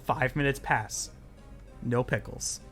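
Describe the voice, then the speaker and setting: A man's voice: medium pitch, takes it slowly, a bit bright, faint music behind. A man streaming a game and telling a story in a loose, rambling way, full of fillers and swearing. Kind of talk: casual storytelling while playing a game.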